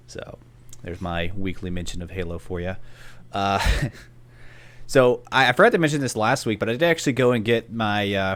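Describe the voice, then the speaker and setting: A man's voice: on the low side, fairly bright tone. A young adult man co-hosting a podcast in casual chat, laid-back and wry, often trailing off. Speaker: podcast co-host.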